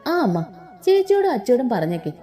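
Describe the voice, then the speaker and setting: A woman's voice: fairly high pitch, very animated, a little fast, mellow, echoey room, soft background music. A woman voicing a sassy young female college student who teases bluntly and snaps back. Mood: teasing. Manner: teasing, blunt and snappy.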